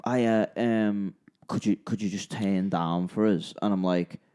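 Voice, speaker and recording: A young man from Liverpool, England, with a Scouse accent tells a rambling tale on the podcast he co-hosts, restarting and repeating himself in casual chat. He's also a musician, and his fairly low voice is mellow and smooth, steady in tone and a little slow.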